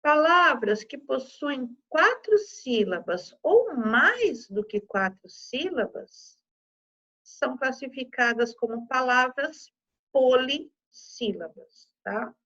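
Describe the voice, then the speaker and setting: Brazilian woman, primary teacher, patient and slow syllable drills, somewhat high voice, lo-fi audio. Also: very animated, sharp tone. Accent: Brazilian Portuguese. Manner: slow, exaggerated syllable-by-syllable pronunciation with frequent "tá?". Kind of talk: primary school lesson video. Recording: slightly dull lo-fi recording.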